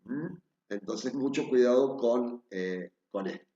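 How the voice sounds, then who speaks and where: A man's voice: medium pitch, slow pace, mellow. A man with an Argentine accent, a translation instructor giving a patient screen-share lecture and pointing out details as he goes. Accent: Argentine Spanish. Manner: patient, repeatedly pointing things out. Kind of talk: screen-share lecture walking through reference dictionaries. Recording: roomy, slightly dull recording.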